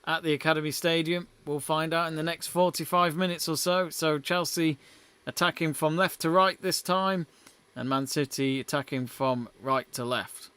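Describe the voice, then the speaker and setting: A man's voice: on the high side, steady tone, normal speed, sharp tone, clean tone. A young man hosting a live football watch-along stream, chatting casually, reading out viewer messages and calling the play as it happens.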